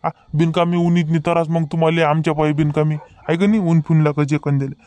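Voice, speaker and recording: A man's voice: fairly high pitch, flat delivery, a little fast, a little mellow, no room sound, natural voice. A man with a Vidarbha Marathi accent playing a confused, protesting village man in a rustic comedy sketch.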